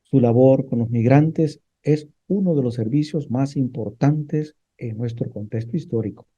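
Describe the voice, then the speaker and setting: A man's voice: mid-range voice, a little slow, dark tone, husky. A man hosting a radio program, thanking his guest and signing off formally and courteously. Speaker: radio host. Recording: dull lo-fi radio sound.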